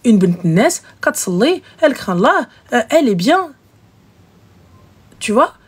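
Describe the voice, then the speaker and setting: A woman hosting a live show, giving frank, animated relationship advice and acting out little scenes. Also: on the high side, a little slow, husky. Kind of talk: casual advice chat.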